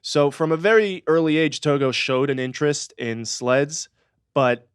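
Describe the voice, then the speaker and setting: A man's voice: fairly high pitch, unhurried, clear, resonant tone, no echo, clean studio sound. A young man co-hosting a casual pet-care podcast, telling a story with frequent fillers and chuckles. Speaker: podcast co-host. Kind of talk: casual chat.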